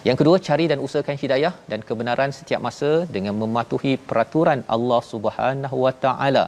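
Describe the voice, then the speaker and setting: A Malaysian man hosts a televised Quran lesson, explaining verses in an emphatic, preaching style. His mid-range voice has a darkish tone and he speaks fast.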